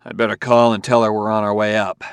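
A man's voice: on the low side, level tone, fast talker, clear, resonant tone, dry recording, close to an everyday voice. A man doing a curt, irritable detective. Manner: curt, forceful. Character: irritable weary male detective.

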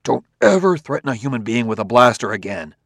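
A man voicing a weary, irritable male detective who talks curtly and forcefully. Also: mid-range voice, big pitch swings, fairly quick, vocal fry, no room sound, clean studio sound, exaggerated voice. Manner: curt, forceful.

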